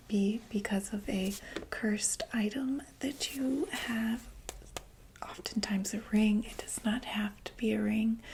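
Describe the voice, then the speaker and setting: In a whispered ASMR roleplay, a woman plays a reassuring female doctor who treats monsters, explaining things gently and hesitantly in a breathy voice. Her pitch sits on the high side, with slight background noise.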